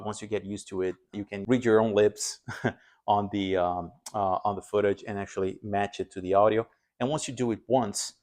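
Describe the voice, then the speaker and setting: A pilot who hosts an aviation vlog walks the camera through his equipment in a casual, conversational way. His voice is fairly low and a little mellow.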